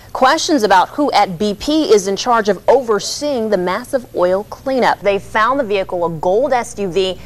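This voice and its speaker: A woman's voice: on the high side, fairly bright tone. A woman TV news reporter delivering stories and live reports on location, upbeat and chatty. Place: outdoors on location.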